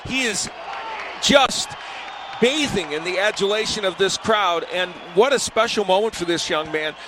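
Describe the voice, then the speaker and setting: A man's voice: high voice, normal speed, bright, forceful tone, some chatter behind. A man giving live boxing analysis, explaining the action in a raised voice over the arena. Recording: clear arena noise behind the voice.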